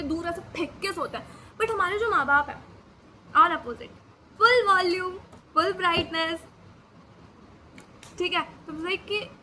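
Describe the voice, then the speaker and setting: A woman's voice: extremely high pitch, bright, forceful tone, a little hiss or hum. A young woman vlogger telling a panicked personal story in casual chat, acting out her own lines dramatically. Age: young adult. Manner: dramatic, re-enacts panicked dialogue. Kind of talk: storytelling vlog.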